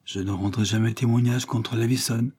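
A man's voice: medium pitch, steady tone, normal speed, a little mellow, breathy edge, pitched above the performer's own voice, close to an everyday voice. A man reading an audiobook, voicing a proud, scheming young woman servant who speaks indignantly and defiantly.

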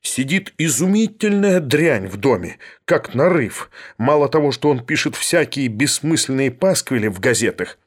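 A man's voice: mid-range voice, animated, moderate pace, hardly any pauses, close to an everyday voice. A man voicing an imperious, ironic older professor who speaks in a haughty, thundering way in an audiobook reading. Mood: furious.

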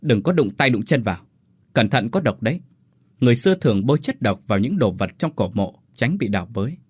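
Tough older brother, curt and scolding, lively delivery, as a male narrator puts him on. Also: mid-range voice, fairly quick, husky, no echo, clean studio sound. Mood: gruff. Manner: brusque, scolding. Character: gruff older brother, tough tomb-digger.

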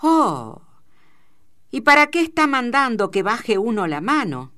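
A burly gaucho sheep shearer talks back with sly insolence, as a woman reading a storybook puts him on. His voice sits much higher than the narration and comes out loud. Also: very animated, measured pace, exaggerated voice. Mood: mocking. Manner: insolent, mocking.

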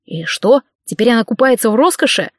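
A woman's voice: on the high side, lively intonation, fairly quick, no echo, clean studio sound, natural voice. A woman playing a sly talking tomcat. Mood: sardonic. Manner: sly, insolent, meowing undertone. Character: cheeky talking male cat, witch's partner.

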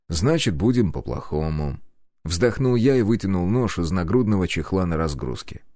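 A man narrating a first-person audiobook in a grim, deliberate, menacing way. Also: low-pitched, a little mellow, dry recording, studio quality.

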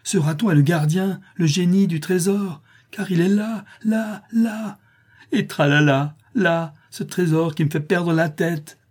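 A man voicing an excitable young male companion in a storybook reading, his voice raised high, shrill and frantic. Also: moderate pace, slightly rough. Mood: frantic joy.

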